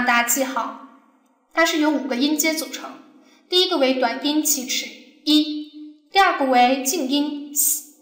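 Female teacher, high voice, patient step-by-step lesson delivery with questions to the class; echoey room. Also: a bit bright. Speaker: Arabic teacher. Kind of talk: recorded language lesson.

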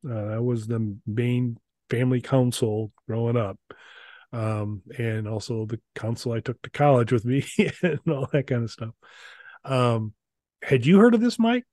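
Warm-toned and mid-range, this middle-aged co-host of a retro gaming show talks at normal speed in a loose, unscripted way from a small indoor room. His rambling, stop-start delivery has a wry edge. There's no room sound; the audio is dry and close.

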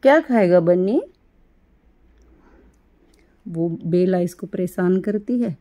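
A middle-aged woman talking baby talk to her pet rabbit, coaxing and doting in a sing-song way with soft laughs. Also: fairly low pitch, takes it slowly. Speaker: pet vlogger caring for rescued animals.

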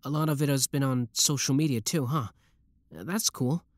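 The clip has clean, dry studio sound and a man with a natural, medium-pitched voice talking at an ordinary pace. He plays a young schoolboy villain, shy at first and later smug and obsessively in love, in yandere style. He murmurs to the listener hesitantly in an intimate audio-drama roleplay.

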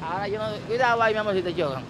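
A man's voice: high voice, lively intonation, rapid-fire, crowd noise. A man with a Dominican accent, interviewing someone on the street in a playful, teasing way.

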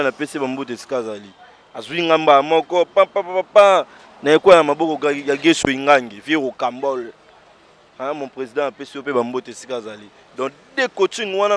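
A man, a stage comedian and actor telling his story in a casual interview. He talks in animated bursts, dropping to quiet asides and rising to loud exclaims. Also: a little high.

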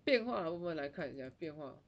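A woman teaching a Japanese pronunciation lesson in Mandarin, repeating words slowly and drawing out their sounds. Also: low voice, lively intonation. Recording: dull lo-fi recording.

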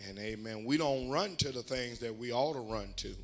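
A man's voice: mid-range voice, moderate pace, soft background music. An older man preaching a sermon as bishop in a church, folksy and full of amens, building to emphatic exhortation. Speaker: bishop and pastor. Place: church sanctuary.

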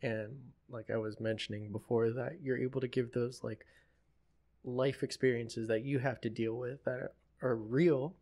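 A man's voice: mid-range voice, fairly even intonation, unhurried, a little mellow. A man co-hosting a podcast in casual chat, telling stories loosely with lots of fillers. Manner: loose, filler-heavy storytelling. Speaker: podcast co-host.

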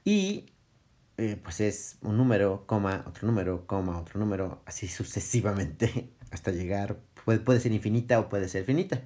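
This math teacher, a middle-aged man, has a lowish, dark voice, a lively lilt, and an ordinary pace. His recorded classroom lesson is casual: he reasons out loud, fixes his mistakes on the fly, and laughs softly when he slips.

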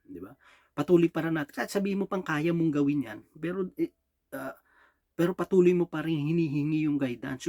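Filipino male preacher, higher voice, conversational sermon full of "di ba?" checks, close dry sound. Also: a little mellow, dry recording. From Philippines. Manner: rhetorical "di ba?" and "no?" checks with the congregation, frequent chuckles. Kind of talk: Taglish sermon.

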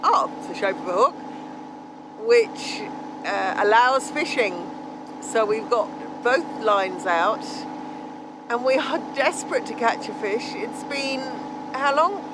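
A middle-aged woman, a sailing vlogger, chats cheerfully and laughs often as she films herself on a sailboat deck with her phone held at arm's length. Her voice sits on the high side with lively intonation, and she speaks slowly against a noisy background in this casual vlog.

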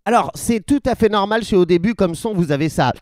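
Animated, clowning man teaching beatbox. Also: high-pitched, fairly quick, a little hiss or hum. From France. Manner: playful, clowning, mock-indignant outbursts. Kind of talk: comic video tutorial.

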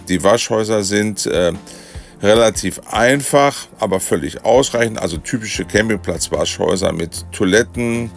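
Deep gravelly man touring a campsite. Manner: relaxed, chatty, many hesitation fillers. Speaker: motorhome travel vlogger. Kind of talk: casual campsite tour voice-over.

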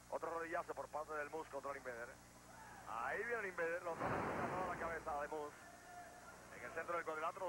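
A man commentating as a lucha libre announcer, calling each move emphatically, on an old degraded TV tape. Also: a little high. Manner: emphatic, running blow-by-blow calls. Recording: noisy, degraded 1980s TV tape.

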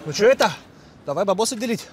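A brawny but dim young tough in a cartoon comedy. The voice is high for a man. He talks in blunt, cocky slang, with faint noise behind. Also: expressive, fast. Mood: proud, easygoing. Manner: slangy, blunt, garbles sayings. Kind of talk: animated comedy dialogue.

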